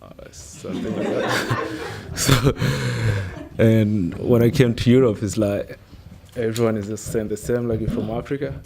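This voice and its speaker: A man's voice: fairly low pitch, fairly even intonation, measured pace, darkish tone. Thoughtful man from Tanzania, noisy room. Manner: thoughtful, questioning, many fillers. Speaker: audience member asking a question. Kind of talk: question from the floor.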